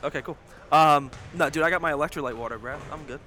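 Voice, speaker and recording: A man co-hosting a casual sports podcast live in a high school gym, loose and joking, swearing freely. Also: quick pace, pushed and bright, soft background music. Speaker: podcast co-host.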